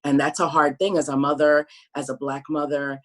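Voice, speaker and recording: Thoughtful middle-aged woman, measured speech. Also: low-pitched, level tone, low-quality recording. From Brooklyn, New York, USA. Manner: thoughtful, measured, with frequent ums and restarts. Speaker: interview guest. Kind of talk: candid sit-down interview.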